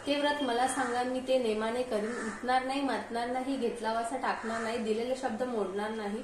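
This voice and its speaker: A woman's voice: fairly high pitch, steady tone, normal speed, natural voice. A woman voicing a humble palace maid who earnestly promises to keep a vow, in a devotional story read aloud. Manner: earnest, vowing. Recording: roomy room with ambient noise.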